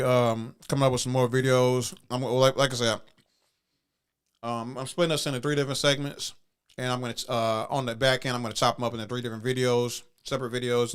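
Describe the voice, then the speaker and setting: A man's voice: medium pitch, little pitch movement, fast talker, smooth. A man hosting a casual livestream podcast, rambling with many fillers and restarts. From Chicago. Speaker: podcast host.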